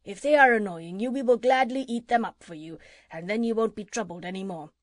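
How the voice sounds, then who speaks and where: A calm, oddly polite shark from a children's story, as a woman reads him, speaking a little softer than her narration. The recording is dry and close. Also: mid-range voice, a little fast, no room sound, natural voice. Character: polite, helpful male shark.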